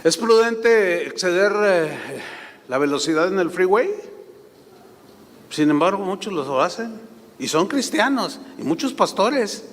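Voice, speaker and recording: A male pastor, preaching a sermon and telling animated anecdotes. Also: sits high, a little slow, long reverb tail, a little hiss or hum.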